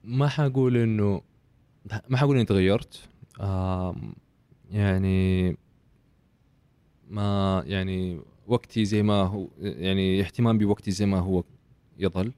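A man's voice: deep voice, steady tone, measured pace, pauses often, mellow, clear, resonant tone, no room sound. A man, a podcast guest and author talking in a casual interview, emphatic and lecturing, slipping in English phrases.

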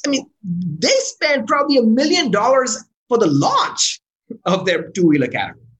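Speaking at normal speed, a startup founder from Pakistan gives a casual interview with an animated, expressive voice whose pitch moves a lot. The speaker frequently restarts words and leans on "right?" to keep the listener following.

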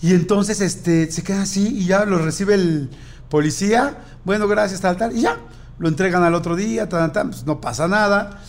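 A man's voice: sits high, moderate pace. A man with a Mexican accent, animatedly telling an anecdote in casual chat and acting out the dialogue. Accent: Mexican Spanish.

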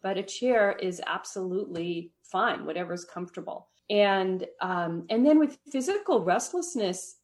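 A woman's voice: medium pitch, expressive, normal speed, hardly any pauses, a little mellow. A woman as a podcast guest, explaining meditation habits in a friendly, explanatory way and often checking in with "right?". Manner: explanatory, often tags "right?", light laughs. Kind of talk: podcast interview.

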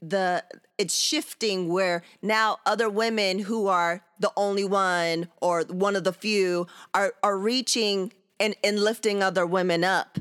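A woman hosting an interview, chatty and relaxed, laughing along with her guest. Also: medium pitch, a little slow, clean tone. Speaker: host. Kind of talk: casual interview.

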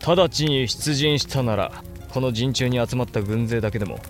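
In a Japanese period audio drama, a male actor with a mid-range voice plays a brooding, resolute samurai lord who is also an elder brother. He speaks gravely and with deliberate command, lightly acted, as faint music plays behind.

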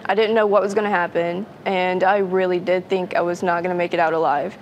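A woman's voice: lowish voice, level tone, fairly quick, lo-fi sound, a little hiss or hum. A teenage young woman from Kentucky giving a personal account in an interview. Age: teens, seventeen. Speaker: flood survivor interviewee.

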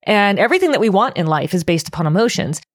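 A woman in her thirties or forties, a life coach co-hosting a casual chat, talking earnestly and in an animated way. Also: mid-range voice, fast talker, no room sound, clean studio sound. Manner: earnest, animated, acts out quoted voices.

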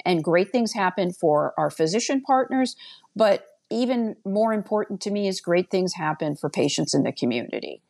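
A woman's voice: on the low side, vocal fry, darkish tone. A woman giving earnest, plainspoken interview answers as a podcast guest. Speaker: podcast guest, healthcare business executive.

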